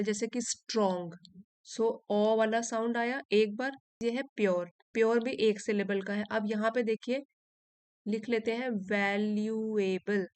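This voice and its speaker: A woman teaches English, reading a passage phrase by phrase and explaining each part. She speaks at a very slow, deliberate pace. Her voice sounds dry and close, with no room echo. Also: a little high, a little mellow, clean tone. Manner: reads English lines slowly and deliberately, then translates and explains.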